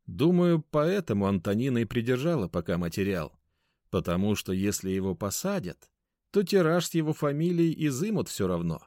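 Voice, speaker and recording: A man's voice: medium pitch, expressive, normal speed, a little mellow, dry recording, clean studio sound, pitched above the performer's own voice, lightly acted. A man voicing a wry, cynical grey male colleague who speaks knowingly. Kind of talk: audiobook character voice.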